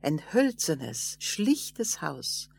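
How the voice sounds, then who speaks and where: A woman reading a fairy tale aloud in a measured storytelling manner. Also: sits low, sing-song, gravelly, breathy edge.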